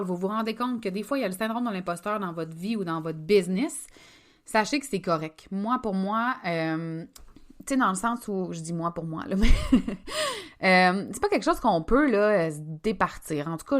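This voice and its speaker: Québécois woman, podcast host and coach, bright and chatty, emphatic, close mic. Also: fairly low pitch. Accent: Québécois French. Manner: chatty, emphatic, addresses listeners directly. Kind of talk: casual podcast monologue.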